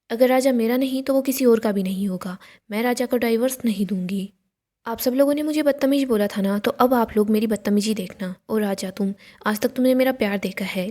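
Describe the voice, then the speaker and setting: A woman's voice: fairly high pitch, dark tone, lightly acted. Vengeful young wife issuing threats, voiced by a woman narrator. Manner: defiant, threatening, read out plainly.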